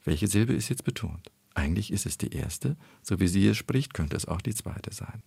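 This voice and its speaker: A man explaining speech research in an interview, in a measured, analytical way. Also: deep voice, animated, vocal fry, darkish tone, breathy edge, no room sound.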